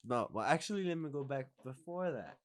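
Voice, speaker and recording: A man in his twenties hosts a podcast, chatting casually and rambling, often restarting his sentences. His voice is medium-pitched and animated, he talks a little fast, and there's no echo.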